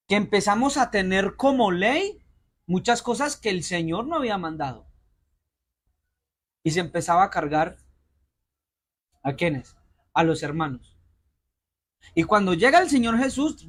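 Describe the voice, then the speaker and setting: A man delivers a sermon in a fairly high voice. He addresses his congregation directly and urges them to pay attention. He keeps pausing on rhetorical questions for them to answer. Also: fairly bright tone. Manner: direct, exhorting address to listeners. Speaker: pastor.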